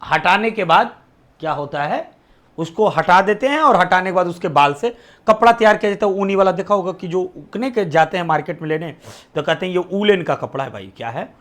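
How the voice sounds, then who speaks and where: A high, lively male teacher with a Bihari Hindi accent runs an exam-prep lesson. He keeps asking his students questions and repeats each answer back to them. He often sinks to a near-whisper on the answers. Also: brisk.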